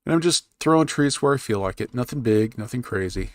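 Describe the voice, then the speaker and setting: A man live-streaming while he draws a fantasy map, thinking aloud and chatting with his viewers in a relaxed, rambling way. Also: mid-range voice, fairly quick, no echo. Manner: thinks aloud, muttering while he works, then perks up to talk to chat. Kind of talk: casual live-stream chat while working.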